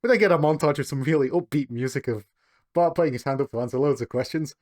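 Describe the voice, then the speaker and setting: A man's voice: on the high side, fast, darkish tone, dry recording, studio quality. A man co-hosting a podcast, recapping a cartoon episode and stringing events together with many fillers.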